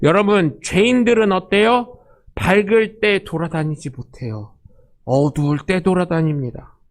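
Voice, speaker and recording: A male pastor delivers a sermon in a lively storytelling way, acting out the lines of the people in his stories. His voice sits fairly high for a man. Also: a little slow. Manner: storytelling, animated, acts out quotes.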